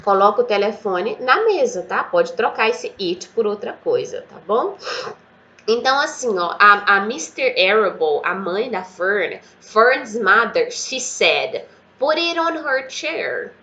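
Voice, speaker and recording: A woman with a Brazilian Portuguese accent teaching an English lesson in a casual, lively way, slowly repeating words for learners. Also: mid-range voice, muffled recording.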